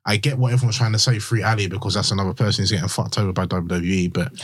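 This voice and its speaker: A man's voice: on the low side, fairly even intonation, racing, husky. A man with a London accent chatting casually in slang, repeating his points for emphasis. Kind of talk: casual chat.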